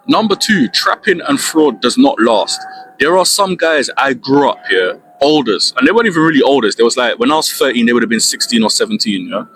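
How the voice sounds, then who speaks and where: A man's voice: medium pitch, no echo. A young man with a London accent giving blunt street-slang advice in a casual monologue clip. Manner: street slang, lecturing, emphatic. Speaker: social media creator.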